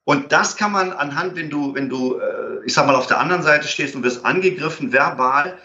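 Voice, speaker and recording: Male interview guest, fairly high voice, explanatory, filler-heavy, echoey lo-fi recording. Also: normal speed, pushed and bright. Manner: explains with many fillers and acted-out example dialogues. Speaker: guest expert on conflict resolution. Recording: roomy, dull lo-fi sound.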